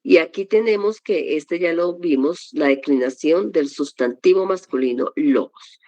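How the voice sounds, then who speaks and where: A woman's voice: deep voice, a little slow, dark tone, no echo. A woman teaching a Greek vocabulary class, explaining pronunciation step by step with patient examples. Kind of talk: classroom lesson.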